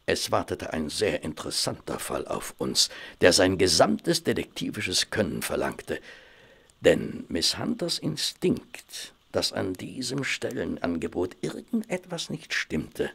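An actor playing a courteous, kindly gentleman doctor in a German radio play, speaking in a measured, considerate way. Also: deep voice, big pitch swings, vocal fry, husky, full character voice. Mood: reflective narrating.

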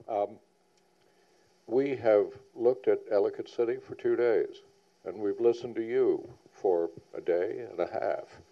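A man on a planning panel giving a public presentation, earnest and emphatic, repeating key points. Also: lowish voice. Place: public meeting hall. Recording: dull lo-fi sound.

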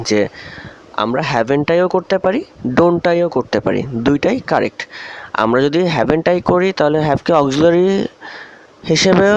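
A man from Bangladesh teaching English grammar in a recorded video lesson, often asking questions and then answering them himself. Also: a little high. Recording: dull lo-fi recording with faint hiss.

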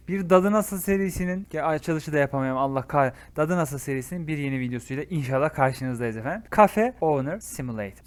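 A young man with a Turkish accent gives casual let's-play commentary, excitable and exclaiming, swinging from loud outbursts to low muttering. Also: clean tone. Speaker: gaming YouTuber.

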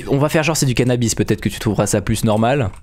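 A man hosting a casual gameplay chat, playful and joking, quick to get excited. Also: medium pitch. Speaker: gaming video host.

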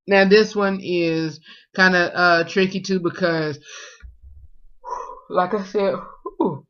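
A man's voice: high-pitched, fairly even intonation, slow, a bit bright, smooth. Chatty man on a dull webcam. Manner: chatty, reads questions aloud then answers with fillers. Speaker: vlogger. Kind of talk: casual food tag vlog. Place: small room at home, indoors. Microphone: webcam at close range.

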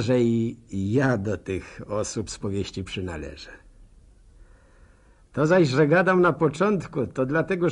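The narrator of a radio serial voices a gravelly, slow-talking village postman: middle-aged, limping, chatty, self-deprecating and envious. In a full character voice of mid-range pitch, he delivers a rambling, colloquial monologue of folksy storytelling, wry and chatty in mood like a rural storyteller.

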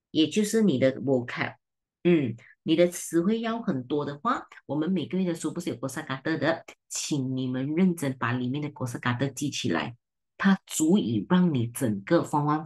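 Woman tutor, Malaysian Mandarin accent, low voice, brisk and teasing, switches between languages. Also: a little mellow, slightly rough. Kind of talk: online seminar lesson.

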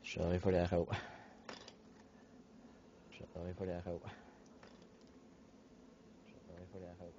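A man's voice: deep voice, completely flat delivery, a little slow, long pauses. A man streaming a game in casual chat, his voice echoing back several times, each repeat fainter. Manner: checking his setup with viewers, chatty. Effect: loud repeating echo, each phrase repeated fainter. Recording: dull lo-fi stream audio with background noise.

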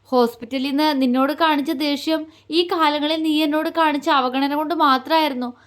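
A woman's voice: high-pitched, steady tone, natural voice. A woman doing a heartbroken drunk young man. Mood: tearful reproach. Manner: halting, stammering, tearful pleading. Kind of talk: romantic audio story acting.

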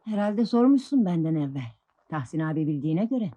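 A defiant young wife. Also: female voice, sits low, sing-song, fairly quick, dry recording. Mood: arguing. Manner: defiant, sharp retorts. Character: defiant young wife who stands up to her husband. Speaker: wife and mother. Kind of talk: 1960s Turkish film acting.

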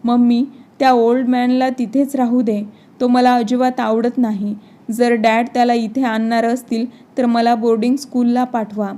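A woman voicing a rude, spoiled twelve-year-old girl in a storybook narration, read in a steady way. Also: fairly high pitch, normal speed, close to an everyday voice. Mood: rude, sulky. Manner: whiny, rude.

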